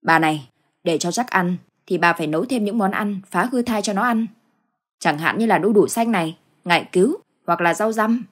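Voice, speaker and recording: A woman voicing a spiteful, slow-witted old father-in-law who grumbles. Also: medium pitch, slightly rough, natural voice.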